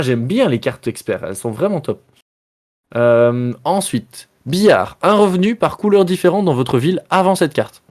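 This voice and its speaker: A Belgian man hosts a live board game stream, chatting casually with viewers, poking fun at himself, and reading card texts aloud as he plays. His voice is slightly high and a little mellow.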